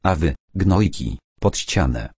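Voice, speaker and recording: Brief: man reading as a snarling gun-toting thug, very deep and gruff, low and dark. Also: animated, takes it slowly, no room sound, studio quality, exaggerated voice. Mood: snarling threat. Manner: snarling, threatening. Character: menacing male armed kidnapper.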